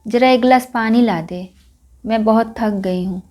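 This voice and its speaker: A woman playing a tired, kind-hearted older mother-in-law in a family drama, speaking wearily and gently. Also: fairly high pitch, moderate pace, lightly acted. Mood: weary. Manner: weary, kind, pleading.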